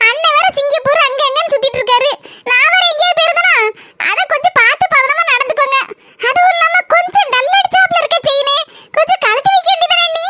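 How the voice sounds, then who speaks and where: A woman's voice: extremely high pitch, fast, sharp tone, no echo. A woman voicing a chatty, meddling sister-in-law in a comic cartoon, with a Kanyakumari Tamil accent and a fussy, chattering manner. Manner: fussy, chattering, nosy advice.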